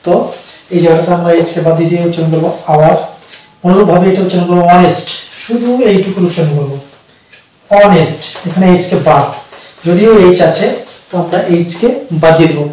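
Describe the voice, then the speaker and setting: A Bengali-speaking man teaching English pronunciation to students, explaining slowly with repeated words and fillers. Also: high-pitched, steady tone, darkish tone, far from the mic, slight background noise. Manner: slow, repetitive explaining with fillers. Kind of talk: spoken pronunciation lesson. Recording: very echoey room, voice from the mic.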